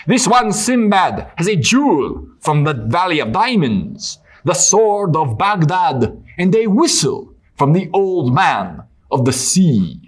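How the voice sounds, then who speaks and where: A man's voice: fairly high pitch, big pitch swings, slow pace, few pauses, slightly rough, heavily acted. A man voicing a self-important sailor adventurer in a theatrical puppet show, grandly speaking of himself in the third person. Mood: grandiose. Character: dramatic adult male sailor adventurer puppet, self-important, prone to despair.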